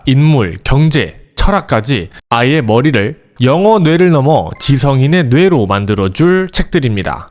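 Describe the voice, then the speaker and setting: A man hosting an education channel, giving a scripted, animated explainer aimed directly at parents. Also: mid-range voice. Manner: lively, animated delivery addressing parents directly.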